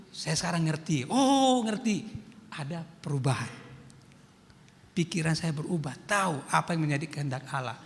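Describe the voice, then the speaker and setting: A middle-aged male pastor, telling his testimony in a sermon, swinging between loud and soft. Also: a little high, slight background noise. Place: church hall. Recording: church hall with long reverb.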